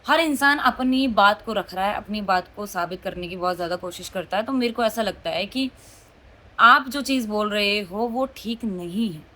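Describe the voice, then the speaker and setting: A young woman with a loud voice, talking outspokenly and emotionally to her viewers in a casual confessional vlog. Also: mid-range voice, moderate pace. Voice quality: loud, forceful voice. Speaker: vlogger.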